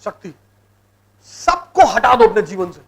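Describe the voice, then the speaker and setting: A man's voice: very high voice, animated, moderate pace, a bit bright. A middle-aged man giving a motivational lecture to exam students, exhorting them with blunt commands and repeating key words for emphasis.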